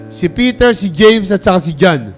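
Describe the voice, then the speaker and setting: A man's voice: high voice, lively intonation, moderate pace, soft background music. A pastor preaching a sermon, calling out to the congregation and mixing English phrases into his talk. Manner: preaching with call-and-response, urging applause.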